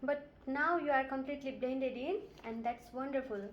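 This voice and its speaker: A woman's voice: high-pitched, normal speed, muffled recording, slight background noise. A woman from Nepal, playing a nurse and asking polite, methodical questions in a scripted health assessment role-play. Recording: roomy echo.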